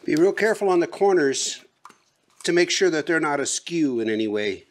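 Working first in an open garage and then outdoors on a roof, a middle-aged man narrates his DIY project casually, giving plain, folksy instructions. The camera's own mic catches his sing-song voice, on the high side, at a moderate pace.

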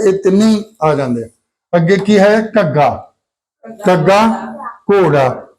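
ਇੱਕ ਪੁਰਸ਼ ਅਧਿਆਪਕ ਕਲਾਸ ਨੂੰ ਗੁਰਮੁਖੀ ਅੱਖਰ ਸਿਖਾਉਂਦਾ ਹੈ, ਧੀਰਜ ਨਾਲ ਅੱਖਰ ਦੁਹਰਾਉਂਦਾ ਹੈ ਅਤੇ ਬੱਚਿਆਂ ਤੋਂ ਜਵਾਬ ਬੁਲਵਾਉਂਦਾ ਹੈ।. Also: male voice, on the high side, a little mellow, rough recording. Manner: patient, repeats letters and prompts pupils to answer. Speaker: Punjabi alphabet teacher. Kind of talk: classroom lesson with call-and-response.

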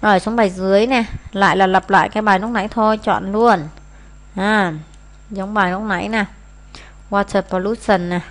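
A woman teacher talks a class through test answers, mixing in English phrases as she reads them out. She pauses often with hesitant fillers and keeps a plain, everyday voice of middle pitch. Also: fairly even intonation. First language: Vietnamese. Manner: explains in Vietnamese, reads English phrases aloud. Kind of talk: exam answer walkthrough.

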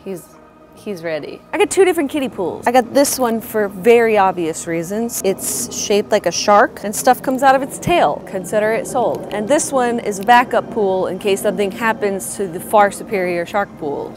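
A woman's voice: medium pitch, animated, moderate pace, background noise. A young woman talking casually to camera in a vlog, sarcastic and laughing, outdoors in a yard. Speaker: vlogger.

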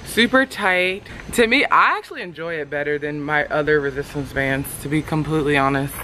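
A woman's voice: deep voice, quick pace, a bit bright, slight background noise, rough recording. A young woman in a casual product-review vlog, talking to her viewers in a chatty, slangy way. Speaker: vlogger reviewing a fitness product.

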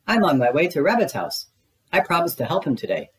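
A small, helpful piglet from a children's storybook, as a man puts him on. The voice sits high and sounds earnest and eager. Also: very animated, fairly quick, fairly bright tone, far from the mic. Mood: friendly, apologetic. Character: small, friendly, helpful young male piglet.

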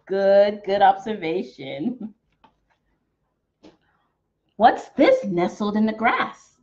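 With long pauses and a very slow pace, a young American children's storytime teacher from Texas reads a picture book aloud in an over-the-top, sing-song manner. Her medium-pitched, slightly mellow voice makes big pitch swings. She's indoors in a small decorated room at home, captured by a webcam with dull, slightly muffled sound.

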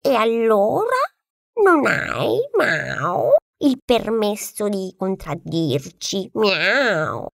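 A woman's voice: mid-range voice, very animated, extremely slow, gravelly, a bit bright, no echo, clean studio sound, heavily acted. A woman voicing a smug cat who slips meows into his speech. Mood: smug meowing.

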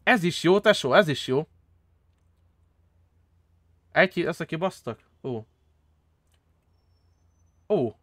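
A young man streaming a role-play game, chatting casually and excitably with friends, swearing often and jumping into high squeals. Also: long pauses, no echo, clean studio sound. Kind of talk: casual gaming chat with friends.

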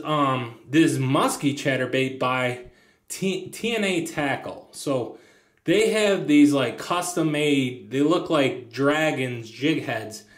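Rambling man in an echoey room. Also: on the high side. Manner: rambling, lots of ums and restarts. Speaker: fishing channel host. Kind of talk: casual tabletop lure demo. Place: indoors at a tabletop, hands on camera.

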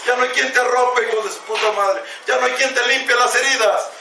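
A man's voice: extremely high pitch, fairly even intonation, fairly quick, pushed and bright, recorded from a distance, slight background noise. A man with a Mexican Spanish accent giving a raw, impassioned personal testimony at a recovery meeting, swearing heavily and calling his listeners companions. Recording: echoey hall recorded from afar.

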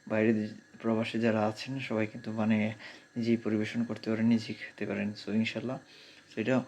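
A man with a Sylheti Bengali accent talks through a home cooking vlog in a hushed, low-key voice. His voice is cracking from a cold, and his pitch stays flat and even. A faint hiss sits behind him. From Bangladesh. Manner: speaks softly, hushed at night. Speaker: cooking vlogger. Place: home kitchen abroad.

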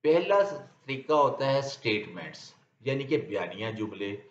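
A man with a Pakistani Urdu accent gives an English grammar lecture at an unhurried pace, drawing out each example sentence word by word. His voice sits in a middle pitch. The recording is dull and echoey, with faint room noise underneath. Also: sing-song. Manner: reads example sentences very slowly and deliberately.

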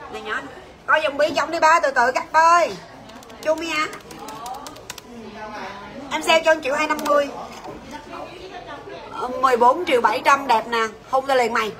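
Bright, high-voiced saleswoman. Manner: chatty, bossy and teasing, calls out prices and staff names. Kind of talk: livestream sales pitch.

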